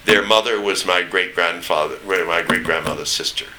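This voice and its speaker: A man's voice: deep voice, moderate pace, bright, forceful tone, slight background noise, low-quality recording. An elderly man with a standard American accent reminiscing in a rambling, anecdotal way, searching for names as he goes. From East Tennessee, United States. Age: older, 70s or above. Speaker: interviewee recounting memories. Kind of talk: oral history reminiscence.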